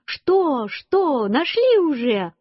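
An excitable young mother from a children's story, acted by a woman reading aloud frets and calls out anxiously. The voice runs slightly high and slow, heard through a muffled, dry, lo-fi recording. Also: slightly rough, no room sound. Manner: anxious, exclaiming.

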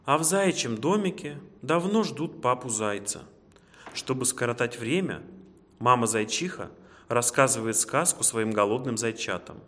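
A man narrating a children's fairy tale in an expressive storytelling manner. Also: medium pitch, normal speed. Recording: echoey room reverb.

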